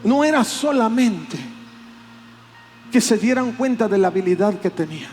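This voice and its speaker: A man preaching a sermon as pastor, animated and acting out plaintive voices. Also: sits high, moderate pace, faint music behind. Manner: animated, acts out voices of complaint.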